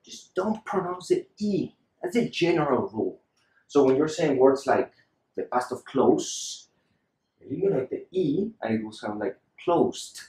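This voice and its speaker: A man's voice: on the high side, sing-song, moderate pace, mellow, reverberant. A man teaching English pronunciation in a patient lesson style, repeating example words for the learner to copy.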